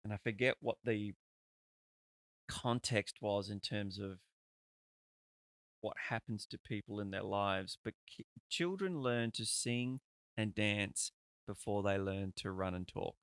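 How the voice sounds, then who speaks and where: A man's voice: lowish voice, a little slow, long pauses, fairly bright tone, smooth, no room sound, clean studio sound. A man, hosting a podcast in a chatty, rambling way and swearing freely. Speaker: podcast host. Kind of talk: casual conversational interview.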